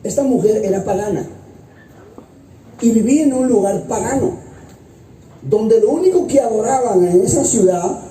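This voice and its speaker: A man, an evangelist pastor, preaching an impassioned sermon that swings between loud high exclamations and low hushed phrases. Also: expressive, normal speed, pauses often, a little hiss or hum. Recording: roomy and distant with loud music. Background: loud music.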